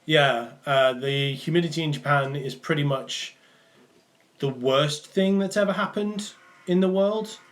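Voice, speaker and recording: A young man from the Manchester area in England hosts a casual live stream from a small indoor room, answering chat loosely with many ums and restarts. His voice is a little high and a bit bright, his pace unhurried, and his Mancunian accent is partly worn off, coming and going.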